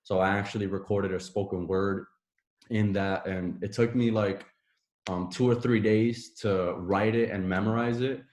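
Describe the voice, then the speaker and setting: A man's voice: lowish voice, steady tone, measured pace, darkish tone, reverberant. A man from Puerto Rico whose first language is Spanish, a podcast guest talking casually with many fillers and restarts. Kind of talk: casual conversation.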